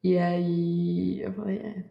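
A woman's voice: on the low side, flat delivery, slow pace, gravelly, reverberant, muffled recording. A woman from Brazil hosting a podcast, talking reflectively in casual chat and trailing off with tag questions.

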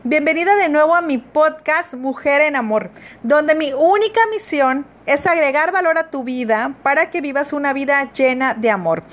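Podcast host: woman, high voice, direct motivational coaching delivery. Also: normal speed. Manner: warm coaching tone, addresses listener directly. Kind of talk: self-help podcast talk.

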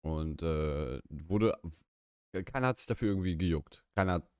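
Co-hosting a podcast live-streamed from a small room, a young man whose first language is Russian rambles casually, offering opinions and restarting often to correct himself. He has a low-pitched, smooth, darkish voice at a moderate pace, with no echo and studio-quality sound.

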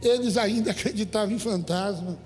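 A Brazilian man preaching as a pastor, emphatic and often rising to shouts while speaking directly to his congregation. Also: sits high, fairly quick. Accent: Brazilian Portuguese. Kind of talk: sermon. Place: church. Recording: echoey hall with faint music.

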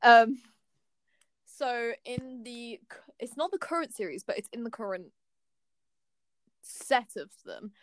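A woman's voice: on the high side, animated, slow pace, long pauses, no room sound. A young woman co-hosting a casual fan podcast, talking in an enthusiastic, rambling way full of fillers and restarts. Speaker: podcast co-host.

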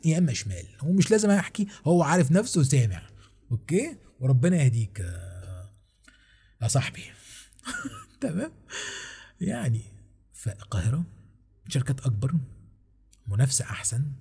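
A man's voice: mid-range voice, mellow, breathy edge. A man with an Egyptian Arabic accent, hosting a podcast and giving casual advice in a joking manner, full of rhetorical questions. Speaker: podcast host.

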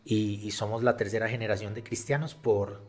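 A man in casual conversation with friends, speaking in a halting, emotional manner. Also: fairly low pitch, steady tone, darkish tone.

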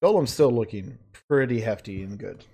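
A man running a tabletop game as game master over an online voice call, casual and quick to swear. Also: medium pitch, animated, dark tone, slightly rough. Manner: casual, swears freely, quick bursts of narration.

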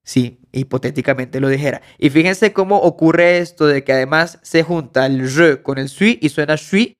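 A man's voice: on the high side, moderate pace, clear, resonant tone. A man explaining French usage in a podcast lesson, giving French example phrases as he goes and often restarting his sentences. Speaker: French teacher.

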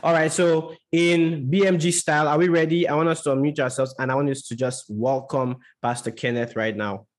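A man's voice: on the high side, fairly even intonation, fairly quick, few pauses. A man hosting a church gathering in an informal, conversational style, introducing a guest speaker.

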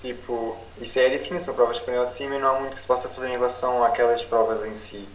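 Young man, European Portuguese accent, rapid slangy sceptical chat, echoey room with some noise. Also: mid-range voice, flat delivery. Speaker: podcast co-host. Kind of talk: casual chat debate. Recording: roomy, distant mic, noisy background.

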